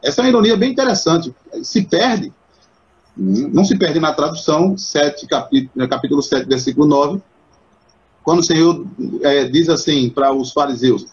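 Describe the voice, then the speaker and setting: A man hosting a casual live chat on Bible literature, animated and acting out the voices he quotes. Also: a little high, normal speed, dull audio. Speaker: host.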